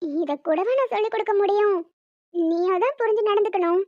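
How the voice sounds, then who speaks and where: A woman voicing a bossy pregnant young cartoon woman, her voice pitched very high and almost childlike as she firmly talks others round. The sound is dull and lo-fi, dry and close. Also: a little fast, no echo. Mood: persuading. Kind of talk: cartoon dialogue.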